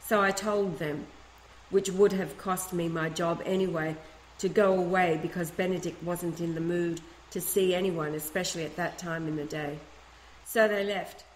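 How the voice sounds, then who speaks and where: A woman with a slightly low voice reads a first-person letter aloud at a moderate, steady pace, earnest and restarting now and then. The recording rings with room echo over a faint ambient hum.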